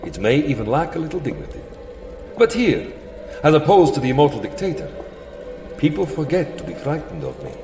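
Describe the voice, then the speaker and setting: An actor playing a weary, settled vampire count in a comic audio drama, theatrical and wry, by turns boastful, petulant and self-deprecating. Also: male voice, fairly high pitch, huge pitch swings, fairly quick, darkish tone, soft background music. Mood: reluctant, reflective.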